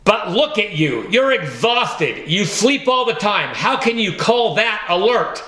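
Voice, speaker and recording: A man's voice: sits high, sing-song, unhurried, pushed and bright, echoey room, heavily acted. A man reading the lines of a good-natured, naive male family dog in an audiobook, earnest and a little indignant.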